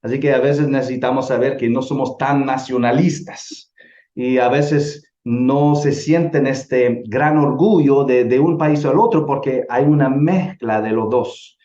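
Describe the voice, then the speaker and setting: An earnest middle-aged man from El Salvador lectures to a church group on missions, stopping and restarting his phrases as he thinks. His voice is mellow and dark. The recording sounds roomy and a little dull. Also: medium pitch, unhurried. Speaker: missions teacher.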